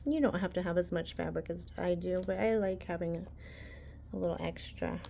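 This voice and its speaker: A woman's voice: lowish voice, fairly even intonation, normal speed, vocal fry, mellow, a little hiss or hum. A woman hosting a casual embroidery tutorial, chatty and rambling with frequent ums.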